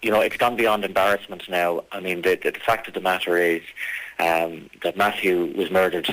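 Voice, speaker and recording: A man being interviewed on radio as a campaigner, speaking formally and insistently, with halting phrasing. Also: sits low, fairly even intonation, a bit bright, rough recording.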